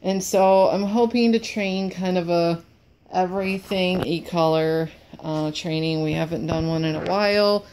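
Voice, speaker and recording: A woman with a lowish, steady voice speaks a little slowly over a noisy background. She's at home in a cluttered, wood-floored room training her service dog, sniffling, apologizing, rambling and repeating words as she chats.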